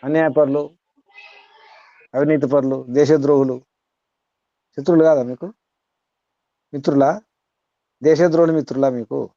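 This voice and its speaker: A man teaching to a group on a call, asking listeners direct questions and reciting verses slowly. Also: mid-range voice, fairly even intonation, warm tone, dry recording, lo-fi sound. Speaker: spiritual teacher. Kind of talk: teaching over an online call.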